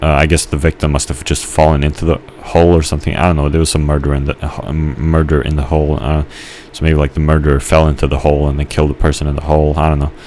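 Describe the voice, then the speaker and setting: A man's voice: very deep voice, level tone, fast talker, few pauses, a little mellow, slight background noise. A man casually rambling while playing a game, hesitant, with many fillers and restarts. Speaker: gamer narrating his gameplay.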